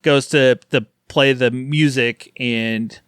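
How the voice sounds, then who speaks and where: A man of ordinary pitch hosts a podcast in loose casual chat. He talks animatedly, laughs a lot and slips into little acted-out quotes. The recording is close and dry. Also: takes it slowly, smooth, no room sound. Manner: animated, laughs often, acts out quotes from scenes. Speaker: podcast host. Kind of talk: casual chat reviewing horror films.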